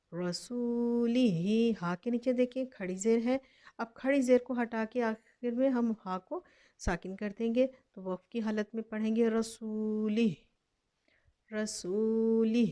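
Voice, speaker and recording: A woman teaching Quran recitation, slowly sounding out each word twice and explaining every step patiently. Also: on the high side, steady tone, warm tone. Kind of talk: slow step-by-step lesson.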